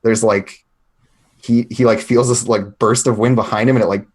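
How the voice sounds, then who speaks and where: Casting: male tabletop player, low voice, loose improvised storytelling among friends. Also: fairly even intonation, moderate pace, a little mellow, breathy edge. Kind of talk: casual, improvised game narration.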